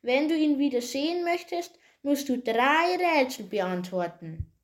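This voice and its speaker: A woman voicing a shrill, furious evil witch in a storybook tale. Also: expressive, measured pace. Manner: shrieking, furious.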